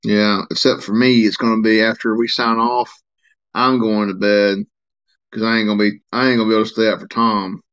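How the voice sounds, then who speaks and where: A fairly low-pitched man talks fairly quickly over lo-fi audio. Yawning and tired, he chats in a relaxed, rambling way on his stream, answering comments from viewers.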